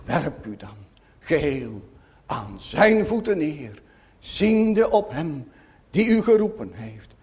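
Slow, solemn higher-voiced male preacher. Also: very animated, a little mellow. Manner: solemn, earnest preaching with long pauses. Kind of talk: sermon.

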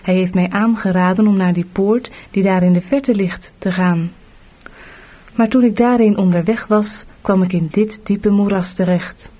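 A woman's voice: mid-range voice, fairly even intonation, normal speed, warm tone, close to an everyday voice. A woman voicing a weary, burdened male pilgrim in a storybook audiobook, earnest and plain.

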